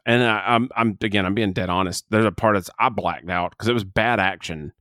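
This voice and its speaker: Rambling low-voiced man with hiccups. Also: a little fast, a bit bright, dry recording, clean studio sound. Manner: rambling, self-interrupting, candid. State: has the hiccups. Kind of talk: casual movie review chat.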